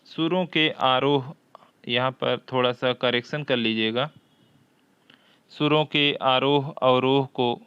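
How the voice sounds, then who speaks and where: Slow, clear-voiced male Hindi teacher. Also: medium pitch, pushed and bright, dry recording, lo-fi sound. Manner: slow, deliberate, repeats each question aloud. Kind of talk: exam-prep lecture.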